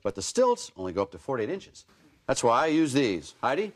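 Cocky American handyman, animated delivery. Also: mid-range voice, brisk. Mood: cocky, showy. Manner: wisecracking showman. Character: cocky, joking TV handyman host and family man. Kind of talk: sitcom acting. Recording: very noisy TV studio soundtrack.

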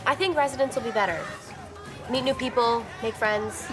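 A woman's voice: on the high side, normal speed, music in the background, a crowd in the background, natural voice. A young woman playing an earnest, somewhat uncertain college-bound character in a TV drama. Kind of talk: television drama acting.

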